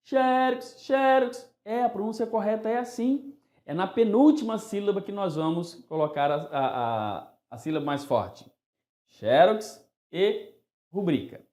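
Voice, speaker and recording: A male teacher giving a grammar lesson, animated and playful, sometimes calling words out in a singsong voice to show the stressed syllable. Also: sits high, reverberant.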